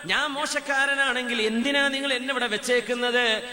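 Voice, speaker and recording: A man's voice: extremely high pitch, fairly even intonation, normal speed, pushed and bright. A man preaching a sermon, chanting Arabic quotations in a sung tone. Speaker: Islamic preacher. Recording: long reverb, crowd heard behind.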